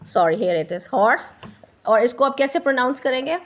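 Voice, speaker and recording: A woman teacher giving a classroom lesson, drawing out words slowly and slipping into quick Hindi asides, prompting and repeating answers. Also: high-pitched, lively intonation, a crowd in the background. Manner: slow, drawn-out English and quick Hindi asides.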